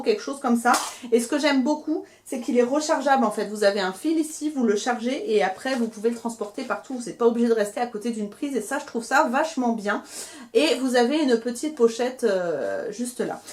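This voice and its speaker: A woman's voice: a little high, darkish tone. Chatty young woman reviewing beauty products. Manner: chatty, hesitant, many fillers and restarts. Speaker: beauty vlogger. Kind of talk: casual product haul review.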